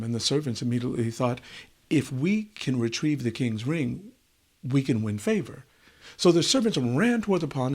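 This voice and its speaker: A male storyteller relating a wisdom tale at an unhurried pace. He leans on repetition to let each moment sink in, with a voice of ordinary pitch for a man. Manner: unhurried, repeats words for effect. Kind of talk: oral wisdom tale telling.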